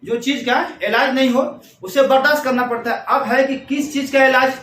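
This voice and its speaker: A man with a high voice teaches grammar in a classroom style. He reads each English example slowly and then explains it again. The sound is roomy and echoey, and he stands a bit away from the mic. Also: level tone, fairly bright tone, recorded from a distance.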